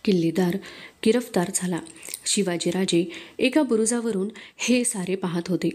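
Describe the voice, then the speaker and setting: A woman narrating a historical novel aloud in a steady storytelling manner. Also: mid-range voice, normal speed. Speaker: audiobook reader.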